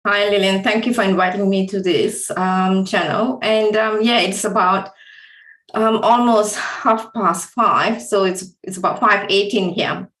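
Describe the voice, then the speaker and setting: A woman's voice: mid-range voice, fairly even intonation, measured pace, fairly bright tone, echoey room, rough recording. A woman from Singapore answering interview questions, hesitant, with many ums. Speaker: guest.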